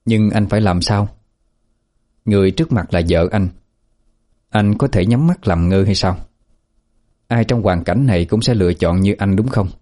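Man narrating a story, low mellow voice. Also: normal speed, pauses often. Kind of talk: scripted narration.

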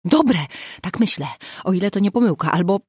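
A woman voicing an overjoyed, panicky young woman who squeals with excitement in a storybook reading. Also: medium pitch, brisk, slightly rough, no room sound, studio quality. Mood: elated.

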